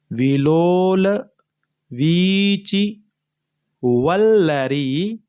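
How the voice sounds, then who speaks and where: A man teaching a hymn lesson, sounding out each syllable slowly and then chanting the lines whole, with quick spoken asides. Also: medium pitch, a little mellow. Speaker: teacher of Sanskrit hymn recitation. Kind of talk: slow syllable-by-syllable recitation lesson.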